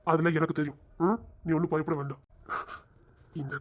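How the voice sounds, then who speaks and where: A woman's voice: low-pitched, fairly even intonation, moderate pace, muffled recording. A woman voicing an eager young man who coaxes and reassures his girlfriend. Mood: coaxing. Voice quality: husky. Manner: coaxing, soft reassurances.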